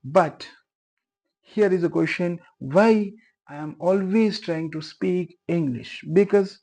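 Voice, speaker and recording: A young man, a teacher whose first language is Urdu, earnestly explains a beginner's tutorial, repeating his points and using many fillers. His voice is high-pitched and dark in tone, and he speaks slowly.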